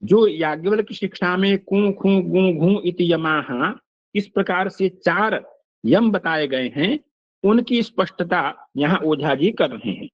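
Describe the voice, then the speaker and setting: An older man teaching Sanskrit phonetics in a slow, measured lecture, pausing to recite verses and examples. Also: sits high, expressive, no room sound. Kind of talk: lecture explaining a text line by line. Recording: dull, lo-fi dry recording.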